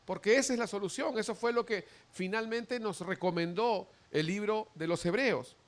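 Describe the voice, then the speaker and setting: A male pastor preaching a sermon, animated, acting out quoted voices as he goes. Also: sits high, moderate pace.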